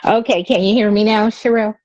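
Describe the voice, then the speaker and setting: A woman's voice: medium pitch, fairly even intonation, quick pace, a little mellow, no echo. A woman calling in on a phone line that fades in and out, giving blunt opinions and calling people "baby". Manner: opinionated, says "baby" to her listeners. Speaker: caller. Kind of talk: live call-in commentary. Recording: dull, dry phone line.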